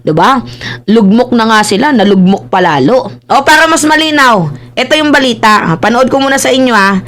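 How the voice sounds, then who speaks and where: A woman doing casual political commentary, excitable and theatrical, laughing often as she talks. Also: fairly high pitch, a little fast.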